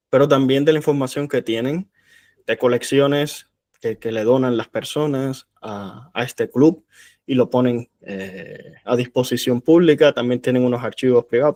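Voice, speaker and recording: A man's voice: medium pitch, darkish tone, dry recording. Male podcast host, dry sound. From Cuba. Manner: measured, reflective, inviting the guest to talk. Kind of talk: interview conversation.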